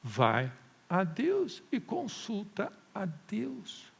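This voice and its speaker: Pastor, male, slightly high and gravelly, animated sermon delivery, long church-hall reverb. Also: extremely slow. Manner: animated preaching, rhetorical questions, mimics doubters. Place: church service.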